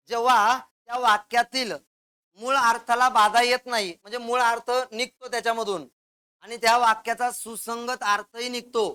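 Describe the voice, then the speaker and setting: A male teacher giving a classroom grammar lecture, explaining step by step with examples and firing quick questions at the class that he answers himself. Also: high voice, sharp tone, clear, resonant tone.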